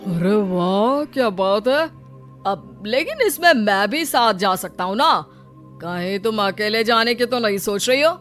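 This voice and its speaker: A woman voicing a grumbling middle-aged husband in an animated cartoon, teasing and complaining. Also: mid-range voice, a little slow, faint music behind.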